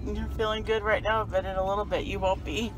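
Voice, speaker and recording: A woman's voice: medium pitch, flat delivery, a little fast. A woman chatting casually as she looks after someone, recorded inside a car. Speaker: companion looking after a patient. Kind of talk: casual chat. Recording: noisy car interior phone recording.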